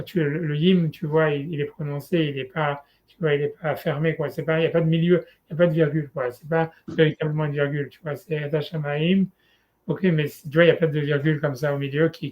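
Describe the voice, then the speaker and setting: A man with a voice on the high side teaches Torah in a relaxed one-on-one study session, speaking casually with many restarts and fillers. Slight background noise is present.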